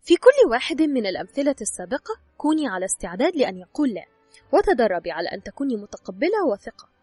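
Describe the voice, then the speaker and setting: A woman's voice: a little high, very animated, fast talker, a little mellow, slightly rough, no echo, soft background music. A woman narrating an advice book in a scripted reading, giving instructions straight to the listener. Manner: instructive, addresses the listener directly. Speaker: audiobook narrator.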